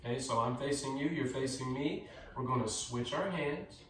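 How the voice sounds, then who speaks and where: In an echoey room captured by a distant microphone with slight background noise, a tai chi instructor leads movements step by step. His mid-range voice stays calm and measured.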